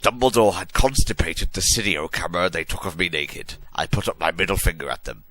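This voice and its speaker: A man's voice: deep voice, a little fast, sharp tone, dry recording. A man giving a comic dramatic reading of a story in a hammy, theatrical stage-actor manner with exaggerated emphasis. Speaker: reader of a fan fiction story.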